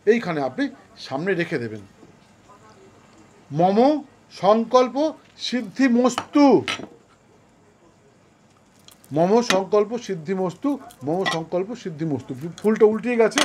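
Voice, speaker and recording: A man with a Kolkata Bengali accent teaching a worship ritual step by step, speaking slowly and chanting short prayers. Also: high voice. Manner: slow, deliberate instruction with chanted prayers. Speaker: astrologer and puja teacher. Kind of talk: instructional demonstration of a ritual.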